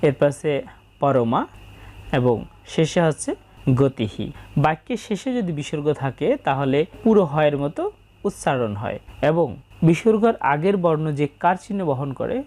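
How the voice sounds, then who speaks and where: A woman teaching how to pronounce a prayer, speaking slowly and carefully and sounding out each syllable. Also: low voice, expressive, dark tone. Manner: slow, careful, syllable-by-syllable explanation. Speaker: religious teacher. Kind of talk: pronunciation lesson.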